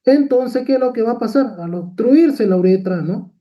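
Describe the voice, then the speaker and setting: High-voiced man lecturing. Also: lively intonation, moderate pace, dark tone, lo-fi sound. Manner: explanatory, frequent tag questions and fillers. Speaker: medical lecturer. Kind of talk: lecture with slides.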